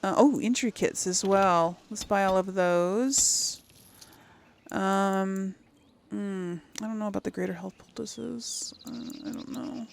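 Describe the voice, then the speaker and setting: Speaking slowly with vocal fry at a medium pitch, a woman hosts a gaming video. Her commentary is casual: she thinks aloud, murmurs to herself, and reads item text out loud.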